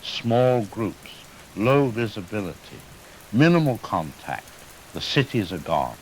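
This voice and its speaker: In this scripted radio drama interview, a man with a lowish voice plays the expert guest, a grave and learned virologist, in a mood of somber resolve. His delivery is formal and deliberate with heavy pauses and cold fatalism, yet very animated. The rough recording carries hiss along with rain and thunder.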